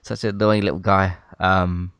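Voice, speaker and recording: A man's voice: deep voice, flat delivery, normal speed, fairly bright tone, clean tone, no room sound, clean studio sound. A man in casual chat reviewing a TV series, rambling a little and restarting his sentences. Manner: rambling, restarts often, chuckles between points. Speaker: podcast co-host.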